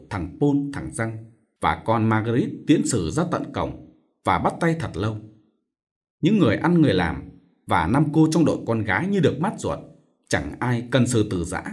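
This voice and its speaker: A man narrating a novel in an expressive, dramatic storytelling manner. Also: lowish voice. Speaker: audiobook narrator.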